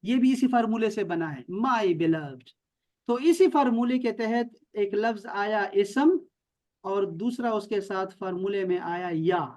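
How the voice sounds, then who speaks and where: A man's voice: sits high, a little mellow. A man from Pakistan teaching Arabic in an online class, explaining patiently, repeating words and checking that his students follow.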